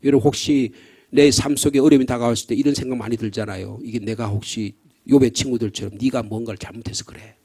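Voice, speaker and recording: A middle-aged man preaching an early-morning prayer sermon in a church, earnest and swinging from hushed near-whispers to raised emphatic lines. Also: medium pitch, steady tone, husky. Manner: leads the congregation in slow reading of hymn lines. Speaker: pastor. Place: church sanctuary.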